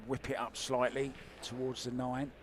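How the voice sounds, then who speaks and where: A man calls a pool match in an upbeat, chatty way. His voice sits in an ordinary middle pitch. A faint hum of the venue runs under him. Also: completely flat delivery, moderate pace. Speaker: play-by-play commentator. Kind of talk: live sports commentary.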